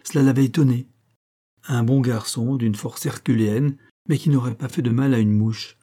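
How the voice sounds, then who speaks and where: Reading scripted narration for an audiobook, a man with a mid-range voice tells the story in a measured, even way.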